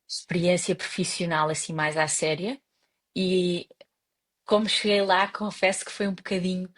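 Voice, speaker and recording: A young woman from Portugal speaks with a European Portuguese accent in a fairly low voice. She answers interview questions in a relaxed, conversational way, with frequent pauses and restarts. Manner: hesitant, many restarts and fillers. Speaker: guest.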